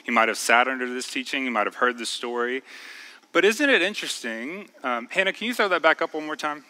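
A man preaching a sermon in a church, talking in a conversational way and slowing down to stress key words. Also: medium pitch, expressive, pushed and bright, poor audio. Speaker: pastor. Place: church sanctuary.

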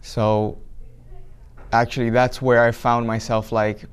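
A man's voice: mid-range voice, flat delivery, slow pace, smooth. A young man from Brazil with a Brazilian accent, answering interview questions in a hesitant way with many restarts, recorded in a small room. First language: Portuguese. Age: young adult. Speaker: documentary subject. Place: small indoor room with flag backdrop.

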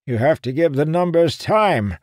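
Male narrator as a pompous old seer, pitched high and thin, snappish. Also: slow pace, darkish tone, dry recording, clean studio sound, close to an everyday voice. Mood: indignant, snapping. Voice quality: crotchety, huffy. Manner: raised, strained old voice.

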